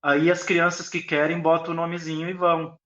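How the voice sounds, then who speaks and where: A man's voice: on the high side, little pitch movement, brisk, a bit bright, dull audio. A man who founded a school, talking on a live online panel and explaining his ideas reflectively with examples.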